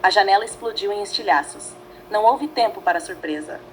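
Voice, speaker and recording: A woman narrating a fanfiction story in a dramatic, measured way, reading in short phrases. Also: medium pitch, slight background noise, rough recording.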